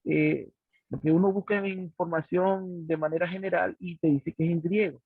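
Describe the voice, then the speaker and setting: A man in a study class asking a hesitant, halting question over a crackly phone line. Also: high-pitched, steady tone, gravelly, slightly rough, dry recording. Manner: hesitant, halting, full of pauses and restarts. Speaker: student in a Bible study class. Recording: tinny phone-like line, dry.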